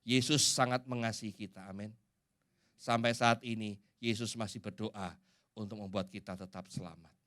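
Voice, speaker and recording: A man with an Indonesian accent preaching a sermon in a church, swinging from loud and emphatic to hushed. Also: fairly low pitch, steady tone, moderate pace.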